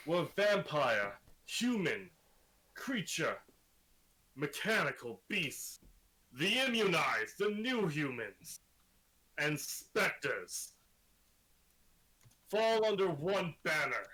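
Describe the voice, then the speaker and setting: A man's voice: on the high side, sing-song, slow, pauses often, pushed and bright, pitched above the performer's own voice, full character voice, poor audio. A man voicing an ancient male creator of monsters who speaks in a grandiose, commanding way.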